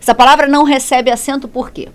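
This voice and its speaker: A woman's voice: high-pitched, fast. A woman teaching a Spanish lesson in Portuguese, who poses questions, answers them herself and corrects her slips as she goes. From Brazil. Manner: lively, repeats and self-corrects, asks and answers her own questions. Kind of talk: classroom lesson explaining grammar.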